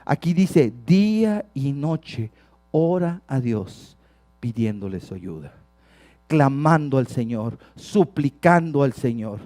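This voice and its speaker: A man preaching a sermon, reading psalms with swings from hushed to shouted. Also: medium pitch, big pitch swings, slow, dry recording, soft background music. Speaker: pastor.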